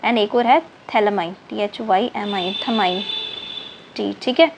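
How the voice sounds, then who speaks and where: Speaking slowly in a gravelly, medium-pitched voice, a woman leads an online chemistry lesson. She counts aloud, spells out words one letter at a time, repeats key terms, blends in English terms, and checks on her students with "thik hai na", over faint background noise.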